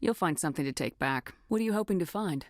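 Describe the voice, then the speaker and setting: Game role: actress as tough female military commander, low register, firm and businesslike, dry close recording. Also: lively intonation, darkish tone, no room sound, close to an everyday voice. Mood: supportive. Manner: firm, measured, businesslike, authoritative. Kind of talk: video game dialogue acting.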